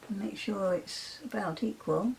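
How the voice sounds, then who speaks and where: A woman hosting a casual crafting tutorial, soft-spoken and chatty with frequent ums, often dropping to a near whisper while she works. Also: mid-range voice, unhurried, vocal fry, slight background noise, low-quality recording.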